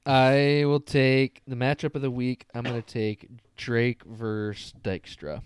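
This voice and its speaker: Young man, co-host, lowish smooth voice, relaxed, short replies, dry sound. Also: a little slow, dry recording. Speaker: podcast co-host. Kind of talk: casual fantasy football chat.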